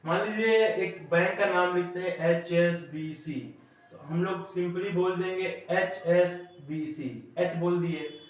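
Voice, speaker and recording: Fairly high man teaching in an echoey room. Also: takes it slowly, far from the mic. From India. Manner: explanatory, often checks in with "ठीक है?". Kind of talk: classroom lesson.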